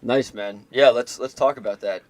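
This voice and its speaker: A man hosting a casual interview, quick and easygoing with joking asides. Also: mid-range voice, fairly even intonation, no room sound. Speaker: host.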